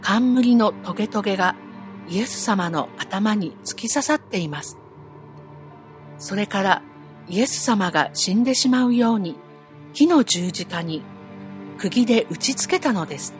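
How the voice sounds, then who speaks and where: A woman telling a Bible story to children, gentle and friendly, asking her young listeners questions along the way. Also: medium pitch, animated, a little slow, faint music behind.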